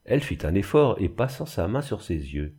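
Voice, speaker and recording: A man giving a measured, expressive scripted narration of a classic novel as an audiobook reader. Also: on the low side, slightly rough.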